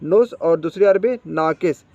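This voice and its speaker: High-voiced man drilling Arabic words. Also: a little slow, a little mellow, dry recording, dull audio. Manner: repeats each word and drills with questions. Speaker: Arabic teacher. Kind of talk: spoken vocabulary lesson.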